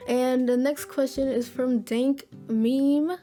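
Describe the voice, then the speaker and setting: A young woman in her twenties with a fairly high voice, talking to her viewers in a relaxed Q&A vlog. She is chatty, upbeat and full of slang. Soft music plays faintly behind her. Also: slow pace. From Florida, USA. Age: 20s. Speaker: gaming YouTuber. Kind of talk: casual Q&A vlog. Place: at home at her computer.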